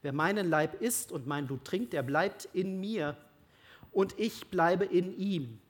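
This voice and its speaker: A reader voicing a solemn, slow-spoken Jesus. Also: medium pitch, natural voice. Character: Jesus as a calm, solemn male teacher.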